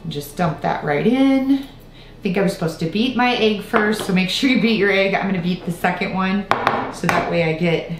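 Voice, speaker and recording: A woman's voice: medium pitch, normal speed. A woman in her thirties from Iowa chatting through a home baking tutorial in her kitchen, rambling into asides as she works, filmed by a camera set across the room. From Iowa, United States. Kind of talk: casual baking tutorial chat. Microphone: far camera on a tripod. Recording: roomy kitchen with faint music.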